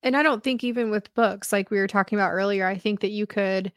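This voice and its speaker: A woman co-hosting a podcast, chatting in a relaxed way, often hesitating with filler words. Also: medium pitch, fast talker, clear, resonant tone, no echo, studio quality. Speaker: podcast co-host. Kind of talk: casual chat.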